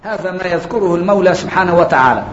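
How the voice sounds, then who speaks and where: A man preaching a sermon, explaining each point and slowing down for quotations. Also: sits high, slight background noise. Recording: echoey dull lo-fi recording.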